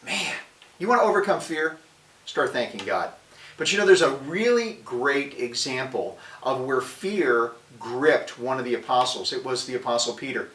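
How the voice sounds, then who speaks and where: Male podcast host, bright forceful tone, energetic and conversational preaching, roomy sound off-mic. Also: mid-range voice, normal speed, distant mic. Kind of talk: casual devotional talk.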